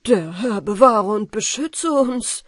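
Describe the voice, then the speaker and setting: A bold, cheeky young fisherman from a storybook, voiced by a woman reading aloud. He speaks eagerly and a little loudly in a breathy voice. His pitch bounces in a lively way. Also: a little slow, no echo, clean studio sound.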